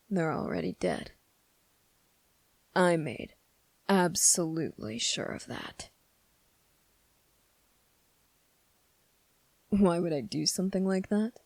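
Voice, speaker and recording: In an intimate ASMR roleplay, an actor portrays a brooding, menacing demon with a hidden moral code, taunting in slow, deliberate phrases. His medium-pitched, darkish voice is gravelly and sometimes breathy, recorded dry on a close microphone.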